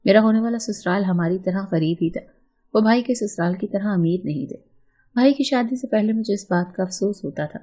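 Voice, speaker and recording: A woman storyteller reading a first-person family tale aloud in a steady, plain manner. Her voice is mellow and warm in tone, with a soft husky edge. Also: on the low side.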